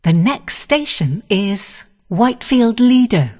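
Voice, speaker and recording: A female onboard announcer delivers pre-recorded passenger information at a slow pace. Her intonation rises and falls widely. The recording rings with long reverb. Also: fairly high pitch, lively intonation, darkish tone. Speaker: automated onboard train announcer. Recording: long reverberant hall echo.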